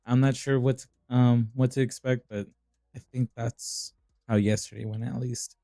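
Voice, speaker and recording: A young man casting a live esports match, relaxed and rambling, thinking aloud with frequent pauses and restarts. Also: medium pitch, creaky, no echo, studio quality, soft background music. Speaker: esports caster.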